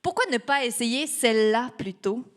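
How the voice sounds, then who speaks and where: A woman's voice: fairly high pitch, normal speed, lightly acted. Woman doing little brave lumberjack Mickey. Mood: cocky. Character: small brave male lumberjack, cheerful and cunning.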